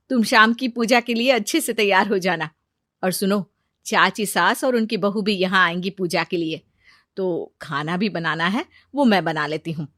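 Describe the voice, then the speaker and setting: A woman voicing a patient, kindly middle-aged mother-in-law in a cartoon story, speaking calmly. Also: fairly low pitch, no echo, studio quality. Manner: calm, kindly, reassuring.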